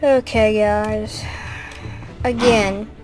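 A woman casually commenting on her own gameplay, mostly muttering and grumbling to herself, sometimes breaking into loud shouts. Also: medium pitch, steady tone, extremely slow. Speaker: gaming YouTuber. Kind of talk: casual let's-play commentary. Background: clear music.

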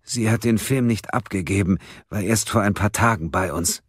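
A man's voice: lowish voice, moderate pace, husky, no echo, clean studio sound, voice pushed up. A man voicing a frightened, tied-up woman detective who speaks with a pressed, strained voice. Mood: tense. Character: frightened bound young woman detective, tense.

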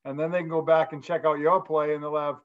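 Male interview host, upbeat and affirming, slightly high voice, muffled lo-fi audio. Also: level tone, fast. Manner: enthusiastic, affirming. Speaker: show host. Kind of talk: casual interview chat.

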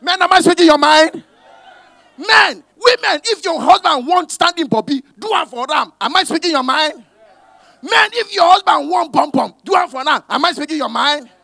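High-pitched Nigerian comedian shouting punchlines. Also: male voice, expressive, moderate pace, gravelly, no room sound. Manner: loud, punchy, switches into voices of others, shouts punchlines. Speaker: stand-up comedian. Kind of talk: stand-up comedy in Pidgin and English. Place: cinema hall stage with a live audience. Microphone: handheld mic. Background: audience laughter.

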